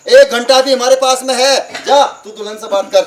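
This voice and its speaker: A preacher voicing a gentle death messenger. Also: male voice, very high-pitched, normal speed. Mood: sorrowful. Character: sorrowful male death messenger, gentle and honest. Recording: voice from far off the mic, crickets behind.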